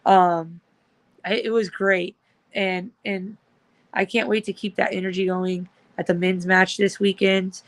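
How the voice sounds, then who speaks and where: A supporters' group organizer appears as a guest in a casual chat, speaking in an unhurried, medium-pitched, level voice. She's upbeat and rambling, with plenty of fillers.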